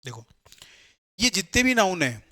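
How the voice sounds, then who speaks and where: A man gives a classroom grammar lecture and pitches his voice slightly high. He poses questions to the class and answers them himself, mixing with English terms as he works through each rule. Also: big pitch swings, normal speed, bright, forceful tone. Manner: explains step by step, asks and answers his own questions; mixes Hindi with English terms. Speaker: English teacher for competitive exams.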